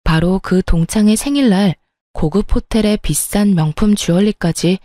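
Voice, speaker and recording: A woman telling a true family story in the first person, in a calm, confiding way. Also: medium pitch, normal speed, no room sound, studio quality. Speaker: narrator. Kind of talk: scripted narration of a true story.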